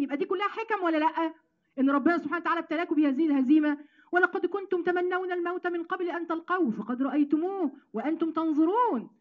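A woman with an Egyptian accent giving an animated Quran lesson to women, addressing them as sisters. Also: sits high, narrow, tinny audio. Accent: Egyptian Arabic. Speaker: Quran teacher.

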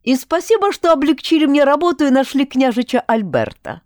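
A courtly male necromancer villain, voiced by a woman reading an audiobook, polite and regretful on the surface while he threatens. The voice is mellow and dark in tone, set in a dry, close recording. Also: high-pitched, sing-song, a little fast, no echo, voice pushed up. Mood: genial menace. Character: genial scheming male necromancer prince, villain. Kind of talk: audiobook character voicing.

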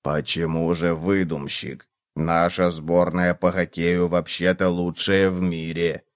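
A man voicing a calm, stubborn cockroach who speaks low, slow and quietly in a children's storybook. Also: clear, resonant tone, dry recording, clean studio sound. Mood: earnest. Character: calm stubborn male cockroach from far away.

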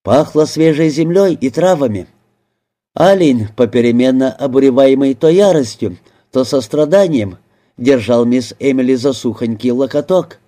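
A male narrator reading a detective audiobook in a measured, expressive storytelling manner. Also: mid-range voice. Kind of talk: scripted narration.

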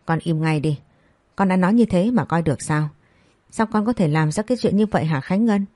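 A woman's voice: fairly low pitch, fairly quick, mellow, no echo, natural voice. A woman voicing an angry, scolding middle-aged mother in a storybook reading. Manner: harsh scolding.

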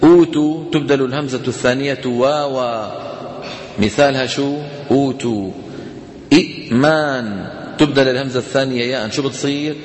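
In a reverberant hall, a Levantine-accented man teaches a tajweed class on Quran recitation. His voice is medium in pitch, steady and a little mellow, and he poses rhetorical questions to students while slowly chanting examples from the Quran.

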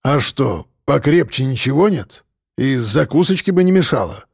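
A man voicing a rough, evasive middle-aged working man who grumbles and mumbles in halting speech. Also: mid-range voice, big pitch swings, darkish tone, no room sound, clean studio sound, full character voice. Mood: grumbling.

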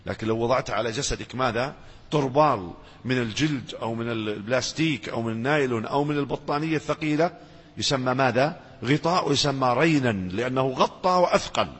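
A man with a slightly husky, mid-pitched voice teaches a religious lesson. His words ring through a big hall with a long echo. He often poses questions to his listeners and then answers them himself. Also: fast talker, fairly bright tone. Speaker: Islamic scholar lecturing. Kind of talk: religious lecture with Quran recitation. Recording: lecture hall with long reverb.

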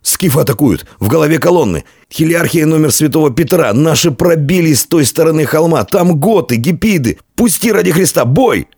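Man doing a panicky young army messenger, yelling high and strained. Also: animated, brisk, hardly any pauses, slightly rough, no room sound, clean studio sound. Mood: panicked. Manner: shouting breathless reports.

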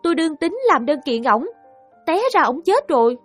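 A woman's voice: high-pitched, expressive, normal speed, soft background music. An actress voicing a young woman accused of murder who answers an official with earnest, deferential pleading in an audiobook drama. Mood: distressed.

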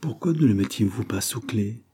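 A man reading aloud voices a courteous young man who speaks in a measured way. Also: lowish voice, animated, mellow, husky.

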